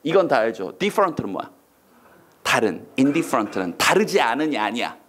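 A man teaching an online English exam-prep lecture, firing quick questions at his students and acting out reactions with silly voices. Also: medium pitch, sing-song, fairly bright tone, husky.

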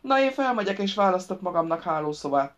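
A woman's voice: lowish voice, lively intonation, dull audio, natural voice. A woman voicing a sulky, cheeky ten-year-old boy in an audiobook, defiant and demanding.

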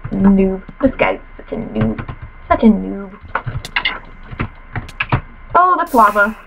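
A teenage girl casually commentates her own game from her bedroom at home, chatty and self-mocking, with playful trash talk, and she's a little sniffly after a cold. Her gravelly, mid-range voice swoops wildly in pitch at a slow pace, over a noisy background.

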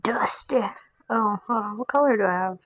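A woman's voice: medium pitch, fast talker, a bit bright, no echo, dull audio. A woman with a Southern American accent hosting a casual painting vlog, talking to herself as she works and often dropping to a mutter or whisper. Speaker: art channel host.

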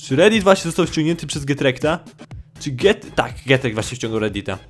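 A man giving casual gameplay commentary as a gaming YouTuber, excitable, swearing freely and swinging from low mutters to shrill yelps. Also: brisk, faint music behind.

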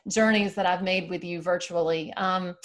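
A woman's voice: on the low side, steady tone, normal speed. A middle-aged woman hosting an interview about faith over a video call, asking questions and often chiming in with short agreements. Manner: warmly affirming, frequent short agreements. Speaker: host. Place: home room, video call.

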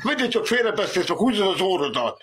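A man's voice: high-pitched, sing-song, a bit bright, slight background noise. A man livestreaming at home, scolding and swearing as he argues with his wife. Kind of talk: heated family livestream.

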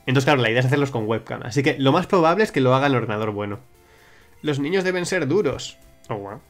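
Chatty young man streaming. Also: medium pitch. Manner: chatty, rambling, with frequent restarts and swearing. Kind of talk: casual livestream chat reading viewer suggestions.

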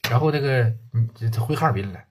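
A man's voice: mid-range voice, fast talker, a little mellow, slight background noise. A man telling a gangland story in a colloquial, earthy and crude way. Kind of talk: oral storytelling.

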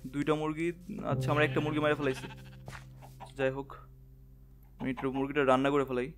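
Soft-spoken young gamer man. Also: mid-range voice. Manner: talks softly and quietly, late-night hush. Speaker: gamer channel host. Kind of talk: casual gameplay commentary.

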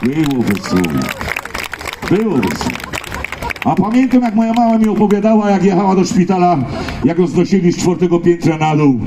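Animated Silesian-accented man, high-pitched stage storyteller. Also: normal speed, noisy background. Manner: folksy, exclamatory, repeats phrases, addresses the crowd. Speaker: stage entertainer and singer. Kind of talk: comic storytelling to a live audience. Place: live stage at a picnic event. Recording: echoey live PA with music.

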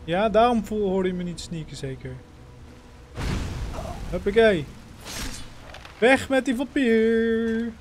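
A man giving playful, excitable let's-play commentary, talking to his in-game companion. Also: high-pitched, slow, pauses often, noisy background. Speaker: gaming channel host.

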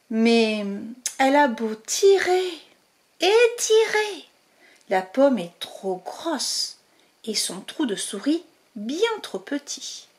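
A woman reading a picture book aloud to children, slow and expressive, talking to her young listeners. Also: on the high side. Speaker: storyteller.

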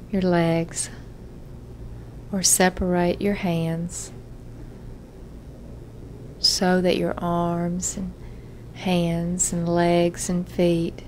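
A woman therapist guides a self-hypnosis relaxation session, giving gentle, measured instructions with frequent pauses. Her voice is lowish, and there's slight background noise.

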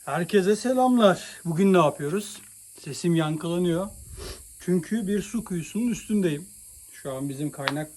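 Male vlogger, higher-pitched, step-by-step explainer, cave-like echo from a water well below. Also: a little mellow, a little hiss or hum. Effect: voice echoing from a water well below. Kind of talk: casual how-to explanation. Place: outdoors, standing over a water well.

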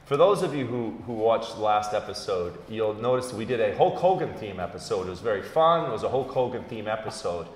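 A man co-hosts a comedy chat and spins a story, acting out the quotes with laughs. His mid-pitched voice carries a long echo around a bare room, with a faint hum under it. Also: normal speed. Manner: animated, acts out quotes with laughs. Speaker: comedian co-host.

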